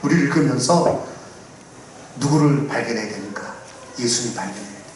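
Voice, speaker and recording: Booming pastor in a very echoey church. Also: male voice, expressive, moderate pace, slight background noise. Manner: swings between loud emphatic declarations and quiet low asides; solemn, exhorting cadence with repeated benedictions. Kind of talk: sermon. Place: church sanctuary. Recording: very echoey hall, mic far off.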